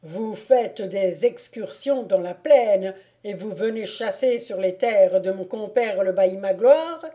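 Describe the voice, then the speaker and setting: A woman doing a loud, scornful nobleman. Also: mid-range voice, slow pace, hardly any pauses, natural voice. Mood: taunting. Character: haughty mocking nobleman, adult man.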